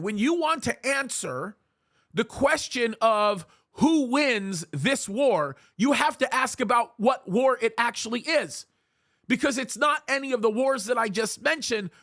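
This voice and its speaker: In a very high, bright, forceful voice, a pastor speaks to camera, preaching emphatically and pleading with his viewers while repeating key phrases. He speaks English first and Arabic as a second language. The audio is studio quality with no room sound.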